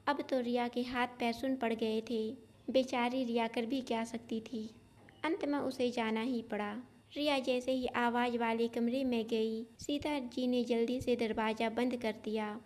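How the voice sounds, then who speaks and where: A woman telling a scripted family moral story, steady and plain. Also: fairly high pitch, unhurried.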